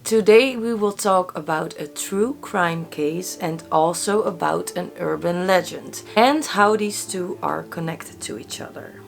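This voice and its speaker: Dutch-native woman host, low-ish voice, stuffy with a cold, true crime storyteller over faint music. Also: vocal fry. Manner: dramatic narration with pauses, then chatty asides.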